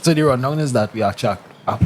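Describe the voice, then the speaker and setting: A man co-hosting a casual podcast, steering the talk with measured comments. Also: medium pitch, slight background noise. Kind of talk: casual chat.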